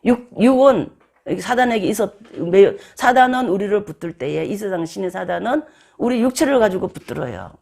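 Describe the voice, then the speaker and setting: A preacher giving a sermon in a lively storytelling way, often acting out voices in quoted lines. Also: mid-range voice, a little fast, vocal fry.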